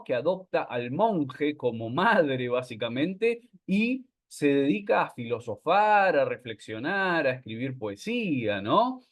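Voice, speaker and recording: A man with an Argentine accent giving a relaxed online literature lecture, often checking in with his students by asking "right?". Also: medium pitch. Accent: Argentine Spanish. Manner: conversational, frequent tag questions. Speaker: literature teacher. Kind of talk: virtual class lecture.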